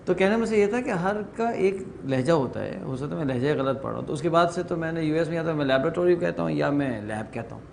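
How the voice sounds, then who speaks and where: A man's voice: on the high side, animated, creaky, few pauses, a little mellow, a little hiss or hum. A middle-aged man leading a training workshop, chatting informally, mixing in English phrases and telling self-deprecating stories to a room. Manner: acts out dialogue in stories. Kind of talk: informal workshop lecture with anecdotes.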